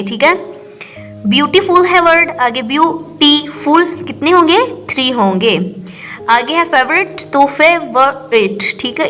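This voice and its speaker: A woman teacher with a Pakistani Urdu accent goes through a textbook lesson, asking questions and answering them herself and reading English lines slowly. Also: sits high, a bit bright.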